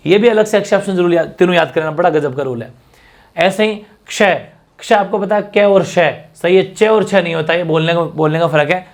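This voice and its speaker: A man with a high voice runs through grammar rules for an exam-prep class. He repeats each example and fires off rhetorical questions to keep his students with him. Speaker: teacher.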